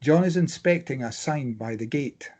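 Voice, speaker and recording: Scene headings come out clipped as a man reads screenplay stage directions in plain, measured scripted narration. He has a mid-range voice with a darkish tone.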